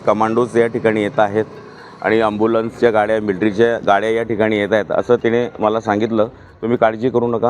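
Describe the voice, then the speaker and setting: A man, interviewed for the news, speaking haltingly with many pauses and restarts. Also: medium pitch, darkish tone. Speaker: interviewee, husband of a tourist.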